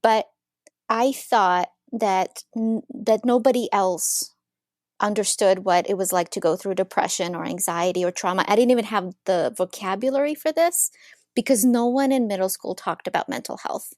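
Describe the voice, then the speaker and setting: A woman from Ukraine in her thirties, a psychologist telling her story as a podcast guest in an eager, lively way. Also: mid-range voice, normal speed, dry recording, clean studio sound. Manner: warm, eager storytelling with frequent laughs. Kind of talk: casual interview.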